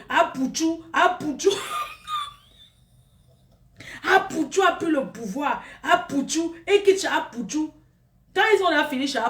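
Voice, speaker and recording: Woman gossiping away in a comedy bit, kinda high voice, echoey and set back from the mic. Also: recorded from a distance. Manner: animated, gossipy, exclaiming. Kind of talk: comic monologue.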